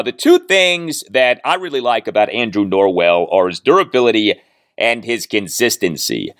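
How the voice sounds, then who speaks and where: Male host, solo football analysis, very animated delivery, dead-dry room. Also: fairly low pitch, dry recording. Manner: lively, emphatic, repeats key points. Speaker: podcast host. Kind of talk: solo sports podcast analysis.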